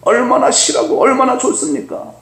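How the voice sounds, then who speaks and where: A man acting out excited ancient scouts who eagerly report back on a rich land, in a raised, exclaiming voice. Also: very high voice, normal speed, pitched above the performer's own voice. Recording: echoey church sanctuary.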